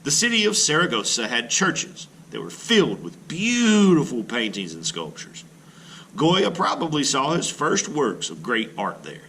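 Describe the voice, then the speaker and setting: Reading a children's book aloud, an art teacher speaks in a bright, crisp, unhurried voice, his pitch swinging widely as he goes. He breaks off for teacherly asides to the class, giving an expressive storybook delivery. The recording is rough, with a faint hiss underneath.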